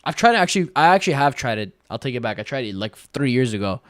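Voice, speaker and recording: Smooth-voiced young man chatting casually. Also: mid-range voice, quick pace, no room sound. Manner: relaxed slangy talk, filler-heavy, reads chat aloud. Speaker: day-trading livestreamer. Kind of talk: casual live-stream chat, answering viewer questions.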